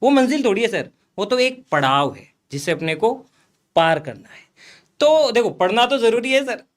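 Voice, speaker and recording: A man's voice: high voice, sing-song, normal speed. A young man telling students about failing and studying again, earnest and direct, often calling his listener sir. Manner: earnest, addresses viewers as guys and host as sir. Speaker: guest influencer. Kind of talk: motivational chat.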